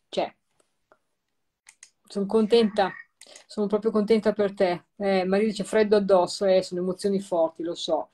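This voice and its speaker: A woman hosting a live-streamed talk, who explains replayed recordings in a repetitive, emphatic and warmly reassuring way. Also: medium pitch, slight background noise. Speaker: host.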